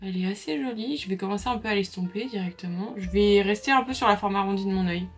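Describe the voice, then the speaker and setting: A woman's voice: medium pitch, quick pace. A young woman chatting casually to her viewers while doing her makeup, full of fillers and asides. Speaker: makeup vlogger. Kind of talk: casual makeup tutorial chat. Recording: faint background music.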